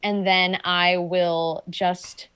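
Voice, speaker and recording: A woman's voice: fairly low pitch, little pitch movement, drawn-out words, a bit bright, clear, resonant tone. A woman playing a tabletop game, casually thinking her moves through aloud in a wry way. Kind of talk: casual chat.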